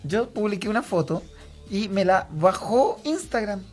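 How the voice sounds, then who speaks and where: A man's voice: sits high, sing-song, measured pace, a little mellow, faint music behind. A man with a Chilean accent hosting a comedy radio show, teasing his co-hosts in a mock-serious tone. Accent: Chilean Spanish. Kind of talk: improvised comedy banter.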